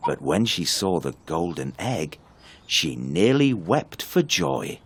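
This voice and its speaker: A man narrating a fairy tale in an expressive, unhurried storybook reading. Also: low voice, background noise.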